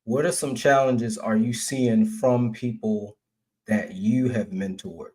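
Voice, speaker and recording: A man hosting an interview over a video call, asking halting questions full of fillers. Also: lowish voice, steady tone, darkish tone. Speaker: podcast host.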